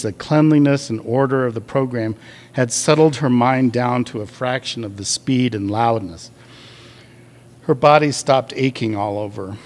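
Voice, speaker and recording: A male author reading a passage from his own novel aloud. His voice sits at an ordinary middle pitch. His delivery is measured, with the odd hesitant filler.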